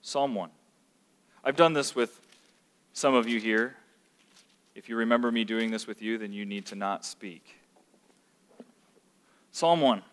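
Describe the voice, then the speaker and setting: A man teaching scripture to a group, asking the room questions and getting louder and higher when he makes a point. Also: moderate pace, pauses often. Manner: animated, asks the room questions, rises in pitch when emphatic. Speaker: pastor teaching a class. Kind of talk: interactive Bible teaching. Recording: long hall reverb.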